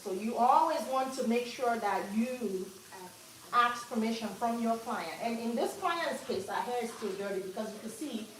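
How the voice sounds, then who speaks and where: A woman instructor leads a hands-on hair-washing demo in a salon classroom, chatting and coaching her students. Her voice sits a little high and sounds distant from the camera, and the room throws back a heavy echo. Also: normal speed. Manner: coaching, chatty, turns loud and upbeat when excited. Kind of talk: live hands-on demonstration class. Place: salon classroom at a wash sink. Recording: very echoey room, distant mic, faint noise.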